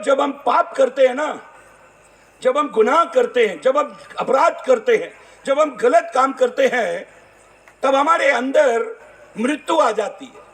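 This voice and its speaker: A man's voice: extremely high pitch, fairly bright tone. A middle-aged man from India preaching a sermon as pastor, telling stories and acting out the dialogue for the congregation. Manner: storytelling, acts out dialogue, calls to congregation. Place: church gathering hall.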